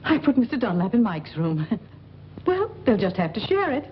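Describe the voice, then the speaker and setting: A flustered but kindly chattering landlady, scatterbrained and played by an actress in a 1940s picture, speaks at a moderate pace. Her voice is a little high and very animated, and the old film audio is muffled and hissy.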